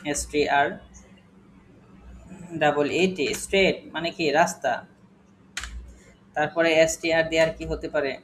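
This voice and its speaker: A man's voice: fairly high pitch, steady tone, slow, pauses often, fairly bright tone, slight background noise, low-quality recording. A man teaching an English class, patiently spelling words letter by letter and quizzing his students. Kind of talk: classroom lesson.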